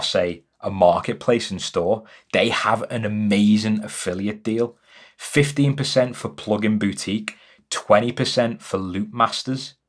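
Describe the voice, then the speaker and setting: Brief: young guy, slightly low voice, enthusiastic and chatty, home studio explainer. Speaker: music business educator. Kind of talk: casual to-camera explainer. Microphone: camera-mounted mic.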